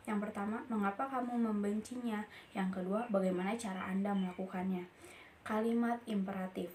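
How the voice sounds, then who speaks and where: A young woman reads her course material aloud like a student presentation, keeping a steady, middle pitch. She sometimes trips over a long word and starts it again. A faint noise sits behind her voice. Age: young adult. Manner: reads steadily from notes, with small slips and restarts.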